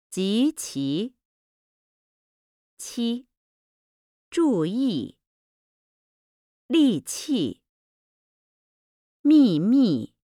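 A woman reads a pronunciation lesson's drills at a very slow pace. Each word is carefully enunciated, and her pitch rises and falls in a lively way. The recording is dry and close. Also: no room sound. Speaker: language lesson reader. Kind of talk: slow textbook drill reading.

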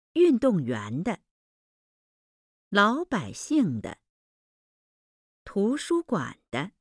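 A woman announces textbook exercises at a very slow, measured pace. Her intonation moves up and down with clear stress. The recording is dry and close to the mic. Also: mid-range voice, no echo. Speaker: language textbook reader. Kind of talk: scripted Mandarin lesson instructions.

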